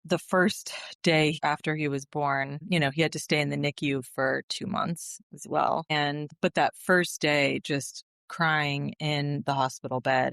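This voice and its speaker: A woman's voice: sits low, fairly bright tone, clean tone, no room sound, studio quality. A woman in her thirties, a podcast guest, telling a personal story earnestly and emotionally, with many fillers and restarts.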